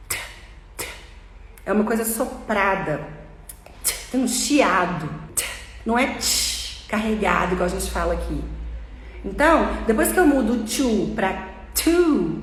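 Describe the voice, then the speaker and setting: A woman with a Bahian Brazilian accent teaches English in a relaxed, joking way and says sounds over and over to model them. Her voice sits a little high. The room is echoey, with a long reverb trailing each phrase. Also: measured pace. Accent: Bahian Brazilian Portuguese. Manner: chatty, informal and jokey, repeats sounds to model pronunciation. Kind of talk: casual online English lesson.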